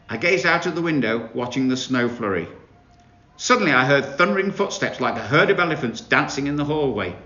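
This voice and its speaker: A man reading children's competition stories aloud with expressive storytelling. His voice rises and falls a lot. The recording is roomy and a little dull. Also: medium pitch.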